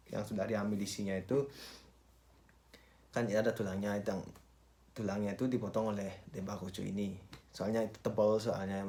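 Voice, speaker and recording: Low-voiced man, casual vlogger. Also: mellow. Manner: informal, halting, repeats phrases and address tags. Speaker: vlogger and cook. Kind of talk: casual vlogger presentation, switching between two languages.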